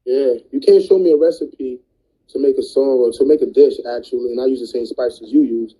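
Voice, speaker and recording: A man's voice: medium pitch, fairly quick, dark tone, husky, low-quality recording. A man, a music artist and producer, talking in a laid-back, slangy way in an interview, full of "you know what I mean". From New Jersey. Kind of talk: casual interview talk.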